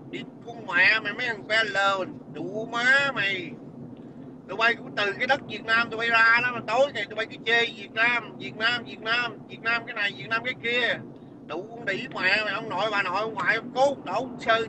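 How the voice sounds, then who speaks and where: A man hurls scornful, profane insults in an angry rant. He sounds like he is calling into a livestream. Heavy wind noise whips across the mic outdoors. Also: very high voice.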